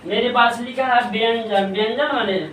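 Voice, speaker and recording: A male teacher in a classroom who asks questions, has the class repeat after him, and spells words out slowly sound by sound. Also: very high-pitched, steady tone. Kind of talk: classroom pronunciation drill. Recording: roomy, distant mic, faint hum.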